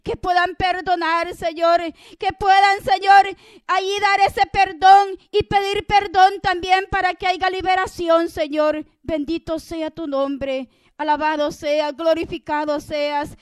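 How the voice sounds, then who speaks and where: A woman's voice: very high voice, little pitch movement, a little slow, no echo. A woman preaching and then praying aloud on a TV program, fervent, calling "Lord" between every phrase. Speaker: preacher leading prayer on a TV program. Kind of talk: sermon and spoken prayer.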